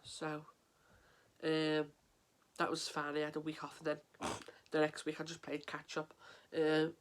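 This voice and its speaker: Sniffling through a head cold, an English man vlogs casually to camera on mental health, his voice stuffy. He keeps his pitch level and flat throughout while speaking earnestly, stopping and restarting and saying "um" a lot.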